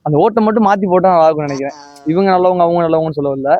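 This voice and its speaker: A man's voice: on the high side, very fast. A man, chatting in a laid-back way with a friend who interviews him. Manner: laid-back, calls the host buddy. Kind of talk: casual chat with a friend. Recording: muffled with faint noise.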